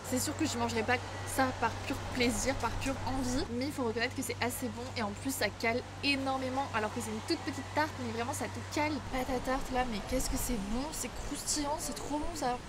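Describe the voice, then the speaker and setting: A woman's voice: high-pitched, steady tone, fairly quick, few pauses, heavy background noise. A young French woman vlogging casually, chatty and enthusiastic, gushing about food and outfits. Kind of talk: casual travel vlog narration. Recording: music playing behind the voice.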